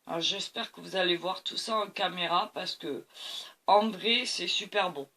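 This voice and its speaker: A woman's voice: fairly low pitch, moderate pace, sharp tone. A tired woman hosting a painting tutorial, talking to camera as she mixes colors and keeps praising them. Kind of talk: art demonstration talk to camera.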